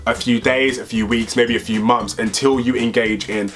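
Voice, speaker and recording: A young man from the UK co-hosting a vlog, chatting casually in a playful, animated way. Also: medium pitch, moderate pace, faint music behind. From United Kingdom. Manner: animated and playful, bursts into excited squeals. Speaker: co-host. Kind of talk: casual chat.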